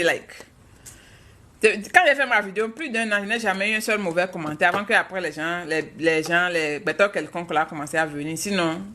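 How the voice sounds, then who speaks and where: A woman's voice: on the low side, sharp tone. A woman from Africa, a mother, hosting a live stream and chatting frankly with viewers while answering their questions. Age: adult, mother of a child.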